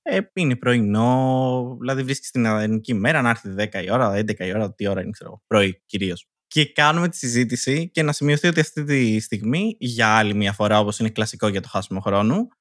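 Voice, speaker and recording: A man's voice: medium pitch, expressive, hardly any pauses, no echo, studio quality. A man in his thirties hosting a casual podcast, telling a rambling story. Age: 30s. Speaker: podcast host.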